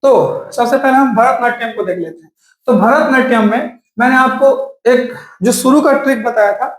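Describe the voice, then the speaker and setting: A male coaching teacher giving a mnemonic exam lesson, slowly repeating and drilling lists. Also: very high-pitched. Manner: repetitive drilling of lists, slow emphatic recaps. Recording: echoey room.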